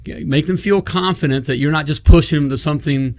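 A middle-aged man hosting a coaching talk show in a studio, speaking into a boom-arm desk mic and driving each point home with "okay?" and "all right?". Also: brisk, darkish tone. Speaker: host, plumbing business coach. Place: indoor studio set.

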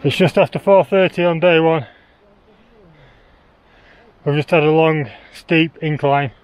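A man's voice: a little high, steady tone, measured pace, poor audio. Cheerful man vlogging outdoors on a hike. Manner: breathless, cheerful, upbeat commentary while hiking. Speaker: travel vlogger. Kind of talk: casual vlog narration to camera. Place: outdoors on a mountain trail. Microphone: action camera held at arm's length.

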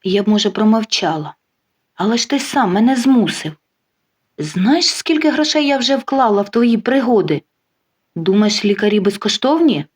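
Жінка озвучує спокійну, гостру на язик дружину, яка сухо й насмішливо відповідає чоловікові. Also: female voice, medium pitch, animated, slightly rough. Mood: mocking. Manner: dry, mocking, unhurried. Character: calm, sharp-tongued wife getting even.

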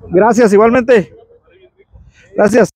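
A man's voice: high voice, slow, breathy edge, no echo. A middle-aged man from Guatemala chatting casually about his fishing on a windy lakefront pier, recorded on a body camera. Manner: relaxed, chatty, laughs easily. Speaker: angler vlogger. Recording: outdoor wind and water noise.

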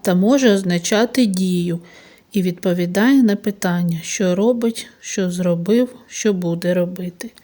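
A woman's voice: on the low side, moderate pace, dark tone. A woman teaching a recorded language lesson to young children as a kindergarten teacher, with a Ukrainian accent, patiently asking questions and giving the answers herself.

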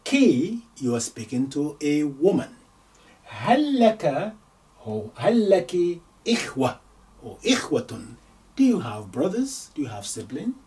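A man's voice: a little high, very animated, slow pace, dark tone, recorded from a distance. A man teaching a spoken lesson, repeating each word and explaining it in English with small slips. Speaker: Arabic teacher. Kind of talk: slow spoken language lesson.

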